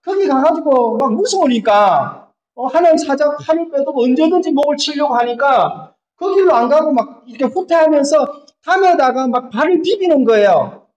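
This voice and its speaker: A male pastor preaching a sermon in an animated way, often putting questions to the congregation. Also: very high voice, moderate pace. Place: church sanctuary. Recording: echoey church hall, dull lo-fi sound.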